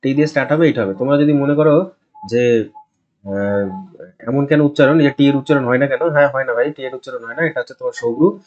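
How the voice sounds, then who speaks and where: Male exam tutor, mid-pitched, chatty and repetitive, slightly muffled lo-fi sound. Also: brisk, darkish tone. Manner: conversational, repeats answers, tags "ঠিক আছে?" often. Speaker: exam coaching teacher. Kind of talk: casual online quiz lesson.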